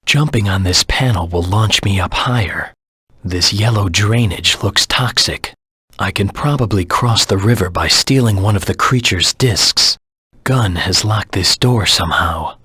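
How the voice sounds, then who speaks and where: A man voicing a brooding, grimly determined hedgehog antihero in a video game, terse and grave, with a gravelly, husky voice. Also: fairly low pitch, a little slow, pushed and bright, dry recording, clean studio sound, heavily acted. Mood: grim, focused. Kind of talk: dramatic video game voice acting, scripted monologue.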